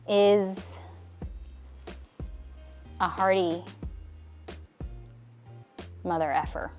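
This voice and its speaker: A young woman vlogging casually about her houseplants at home, chatty and self-deprecating, stretching out her words. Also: mid-range voice. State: out of breath. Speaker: plant vlogger. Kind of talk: casual chat. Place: home apartment.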